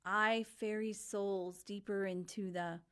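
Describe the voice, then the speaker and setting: A man's voice: sits high, fairly even intonation, takes it slowly, fairly bright tone, clear, resonant tone. A woman reading as Charon, a fretful ferryman of souls. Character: anxious, hospitable male ferryman of souls.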